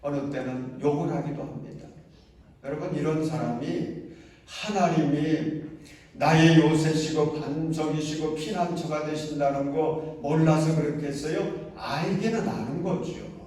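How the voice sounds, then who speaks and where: Middle-aged pastor guy preaching, kinda high voice, big echoey church, mic way off. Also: a little slow, a little mellow, far from the mic. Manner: emphatic, rising to exhortations and questions to the congregation. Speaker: senior pastor. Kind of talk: sermon. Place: large church sanctuary.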